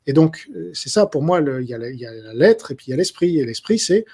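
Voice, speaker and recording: A man's voice: a little high, big pitch swings, fast talker, warm tone, husky. A man answering his subscribers' questions in a casual spoken monologue, hesitant and full of fillers and restarts.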